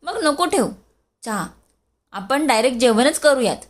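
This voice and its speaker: A cheerful, teasing elder brother in an audio story, as a woman narrator puts him on. The voice sits a little high and stays light and friendly. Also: animated, moderate pace. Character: elder brother, a jovial grown man.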